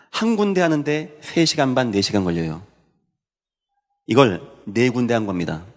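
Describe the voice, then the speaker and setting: A man's voice: mid-range voice, long reverb tail. A male pastor preaching a Sunday sermon, telling stories and building to fervent proclamation. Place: church sanctuary.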